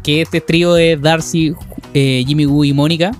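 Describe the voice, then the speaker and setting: A man's voice: on the high side, little pitch movement, moderate pace, faint music behind. A man with a Chilean accent co-hosting a casual chat, retelling scenes of a series in loose, slangy storytelling. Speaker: podcast co-host.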